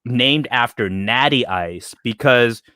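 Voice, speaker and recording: A man's voice: medium pitch, expressive, slow, sharp tone, smooth, no echo, clean studio sound. Joking young man co-hosting a podcast. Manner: joking, rambling with fillers and restarts. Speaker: podcast co-host. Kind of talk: casual chat.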